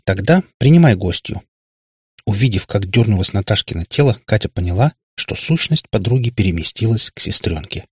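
A man reading a fantasy audiobook aloud, measured and expressive. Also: on the low side, husky, no echo, studio quality. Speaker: audiobook narrator.

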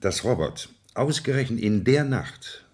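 An actor playing a gruff, moralistic chief inspector in a 1970s radio play, speaking in dry, clipped remarks. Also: male voice, mid-range voice, lively intonation, a little slow, darkish tone. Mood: musing.

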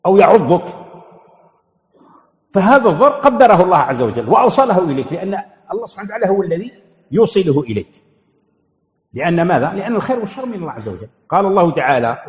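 A man's voice: high voice, darkish tone. A man teaching a religious lesson as a sheikh, asking questions and answering them himself and repeating key phrases. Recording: echoey hall, dull lo-fi sound.

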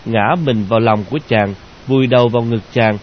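A man narrating a novel in a slow, measured way. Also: mid-range voice, steady tone. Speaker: audiobook narrator. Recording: dull lo-fi audio with hiss.

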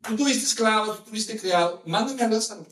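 Bossy rich man in torment, pleading and entitled, high-pitched, roomy and distant voiced by a preacher. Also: a little fast, a bit bright.

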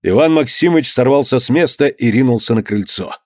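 Male narrator, expressive, lively pitch, dry close sound, for historical audiobook. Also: a little fast, no echo. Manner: expressive storytelling. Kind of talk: dramatic audiobook reading of a historical novel.

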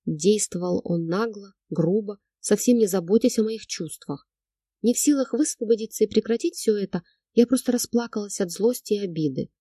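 A woman reading a novel aloud as first-person narrator, in a measured, emotional storytelling manner. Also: medium pitch, warm tone, husky, no echo, studio quality. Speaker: audiobook narrator.

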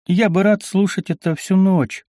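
A man's voice: high voice, fairly even intonation, normal speed, warm tone, no room sound, voice pushed up, lightly acted. A reader playing a heartfelt young knight from a historical storybook, polite and earnest, his voice somewhat raised. The recording is dry and close. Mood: moved. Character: young knight, emotional but cheerful.

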